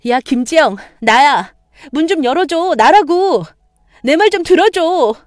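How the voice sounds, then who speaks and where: A woman putting on a high, pleading false friend. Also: animated, unhurried, no room sound, studio quality. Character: pleading treacherous female friend, whiny. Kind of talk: story radio voice acting.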